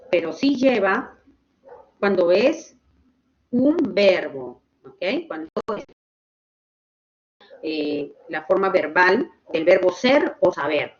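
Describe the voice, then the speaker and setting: A woman teaching a grammar lesson online, explaining slowly and checking in with her students. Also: mid-range voice, dull audio. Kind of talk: online class lecture.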